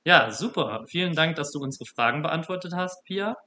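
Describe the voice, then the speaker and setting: Bright-voiced young German podcast host. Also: male voice, on the high side, lively intonation, normal speed. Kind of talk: casual podcast interview.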